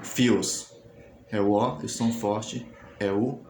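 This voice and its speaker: A man's voice: fairly low pitch, steady tone, slow pace, a little mellow. A man teaching a recorded class, explaining step by step and asking and answering his own questions. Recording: echoey room, faint noise.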